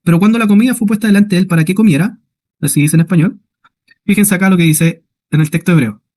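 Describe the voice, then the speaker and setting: A man teaching a Hebrew class in Spanish who explains step by step, checks in often with short questions, and reads Hebrew words out slowly. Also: sits high, a little mellow. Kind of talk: online class lecture.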